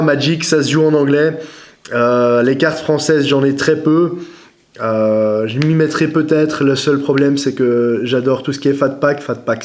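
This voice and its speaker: Chatty young man opening cards. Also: medium pitch. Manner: chatty, many hesitations and apologies. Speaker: card-opening vlogger. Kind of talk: casual unboxing commentary.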